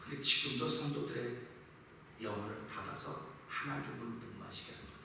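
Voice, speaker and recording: 교회 예배에서 설교하는 남자 목사로, 대사를 연기하듯 섞고 수사 의문문을 던집니다. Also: male voice, medium pitch, brisk, vocal fry, pushed and bright, slight background noise. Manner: preaching with acted dialogue and rhetorical questions. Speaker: pastor. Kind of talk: sermon. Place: church sanctuary. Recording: echoey church hall, mic at distance.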